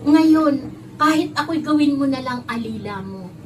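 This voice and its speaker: A woman's voice: sits high, expressive, unhurried, distant mic, background noise. A woman voicing a repentant young son who pleads earnestly with his father in a children's Bible story. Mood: pleading.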